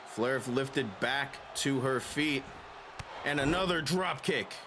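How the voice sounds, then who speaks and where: A man giving excitable play-by-play as a wrestling commentator, shouting and stretching out the big calls. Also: mid-range voice, takes it slowly, noisy background.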